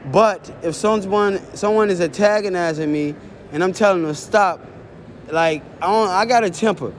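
High-voiced man. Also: normal speed, a little hiss or hum. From Chicago. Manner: profane, rambling storytelling. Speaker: show host. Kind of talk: casual monologue.

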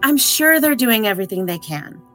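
An actress playing a gentle, concerned hospital visitor in an audio drama, sympathetic and hesitant. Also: female voice, fairly high pitch, expressive, moderate pace, soft background music. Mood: puzzled concern.

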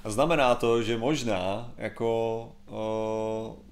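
A man's voice: lowish voice, steady tone. Rambling, hesitant man chatting casually. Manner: rambling, hesitant, filler-heavy. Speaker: podcast co-host. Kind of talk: casual chat.

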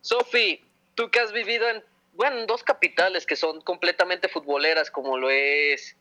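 A man's voice: sits high, moderate pace, pushed and bright. A man, co-hosting a casual podcast and rambling as he repeats his question. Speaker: podcast co-host.

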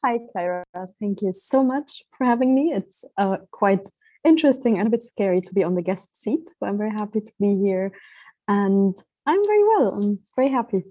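A woman's voice: medium pitch, animated, moderate pace, warm tone, no room sound, rough recording. A young woman lecturer, raised between Egypt and Germany, answering interview questions thoughtfully and with frequent hesitations. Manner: thoughtful, hesitant, with many fillers. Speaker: university lecturer, guest. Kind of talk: conversational interview.

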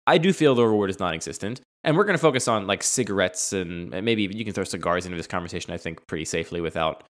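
A man's voice: sits low, lively intonation, fast. A man co-hosting a casual conversation, working through his argument and laughing often. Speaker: podcast co-host.

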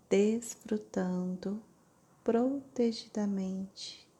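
Very slow, soft-spoken woman with vocal fry. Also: mid-range voice. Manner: slow, soft, half-whispered phrasing with long pauses. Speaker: meditation guide. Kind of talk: guided meditation.

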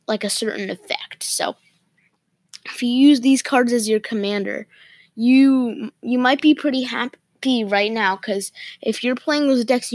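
A woman hosting her podcast, talking casually with the hiccups, pausing often and halting between phrases. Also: a little high, no room sound. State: has the hiccups. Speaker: podcast host. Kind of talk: casual solo podcast talk.

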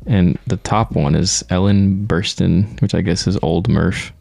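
A man's voice: sits low, steady tone, a little slow, gravelly, a little mellow, dry recording. A man in a casual film chat, blunt and joking.

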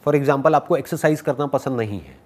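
A man giving a motivational talk and answering audience questions, animated and playfully teasing, mixing English phrases into Hindi. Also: medium pitch, fairly quick.

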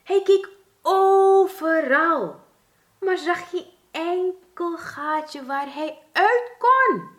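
A woman with a Surinamese Dutch accent voicing a frightened little boy mouse in a children's storybook reading, in a squeaky, panicky, pleading voice. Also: expressive, drawn-out words, exaggerated voice. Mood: panicked.

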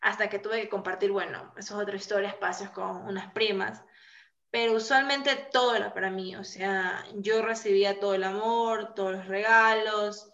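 A woman in her twenties telling her story in a casual podcast chat over a video call, animated and full of fillers. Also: mid-range voice, normal speed. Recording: echoey lo-fi call audio.

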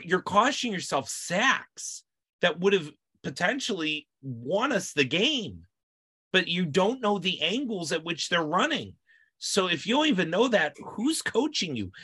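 A man's voice: sits high, big pitch swings, measured pace, bright, forceful tone, slightly rough. A man co-hosting a casual sports podcast, speaking in a heated, emphatic way. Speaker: podcast co-host.

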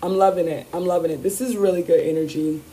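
A woman hosting a spiritual card reading, with a voice worn rough from a weekend of celebrating, speaking in an emphatic, affirming way and repeating her phrases. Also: fairly low pitch, steady tone, fast talker, noisy background. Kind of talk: upbeat spiritual talk, weekly card reading.

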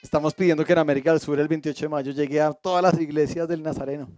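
A man with a high-pitched voice leads a church Bible study, recorded close and dry. He keeps checking in with his listeners through questions as he reads and explains, and he slips in playful jokes. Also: steady tone, fast talker, darkish tone, no echo. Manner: asks the audience frequent questions; reads a passage aloud and stops to explain.

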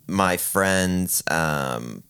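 Brief: relaxed podcast guest, man, 30s, deep and smooth, slightly lazy side-of-mouth delivery. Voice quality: talks out of the side of his mouth, drawn-out vowels. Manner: laid-back, rambling with fillers. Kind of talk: casual chat.

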